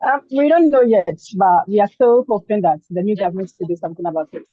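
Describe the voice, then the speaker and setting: A woman's voice: mid-range voice, quick pace, no echo. A woman in her twenties from Ghana, a contestant answering plainly over a video call. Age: 20s. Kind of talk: introducing herself. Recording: dull call audio with crowd behind.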